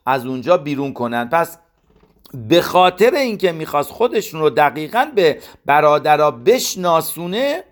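A man's voice: fairly high pitch, sing-song. A middle-aged man teaching a religious lesson, reading Hebrew commentary lines and explaining each in plain conversational terms.

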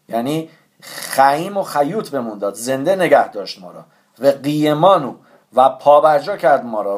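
A man teaching a religious lesson in a careful, explanatory way, stressing how each word must be pronounced. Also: mid-range voice.

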